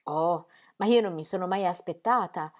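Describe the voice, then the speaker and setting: A woman's voice: on the low side, moderate pace, darkish tone, lightly acted. A timid young wife who answers hesitantly, apologizing as she goes, as a woman narrator reads her. Her voice stays close to the reader's own in a plain audiobook reading.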